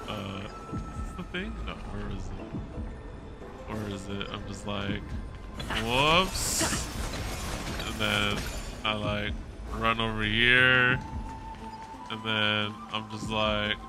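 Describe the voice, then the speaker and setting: A man playing a story game, reading dialogue aloud and joking casually. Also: lowish voice. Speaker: game streamer. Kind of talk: let's play commentary. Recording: game music behind.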